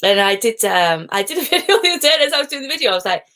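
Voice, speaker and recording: A woman's voice: fairly high pitch, big pitch swings, rapid-fire, bright, forceful tone. A middle-aged woman, hosting a live stream as a positivity coach, chatty and digressive with frequent laughs. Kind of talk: casual live-stream talk.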